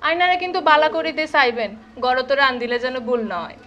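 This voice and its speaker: A woman's voice: high-pitched, fast, a bit bright, highs cut off. A woman hosting a cooking show, giving a playful greeting in Chittagong Bengali dialect. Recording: music over frying sounds.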